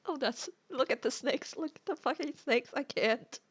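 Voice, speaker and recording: Woman streamer, giggly and self-mocking, slow unhurried talk, fairly high voice. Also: wildly swooping pitch. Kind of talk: casual live-stream chat, reading a story aloud.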